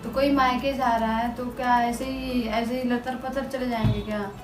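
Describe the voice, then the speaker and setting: A woman in a casual home vlog, answering quietly and a little sulkily. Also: fairly high pitch, flat delivery, normal speed. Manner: quiet, sulky replies. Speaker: vlogger's wife. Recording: echoey room, off-mic, with music.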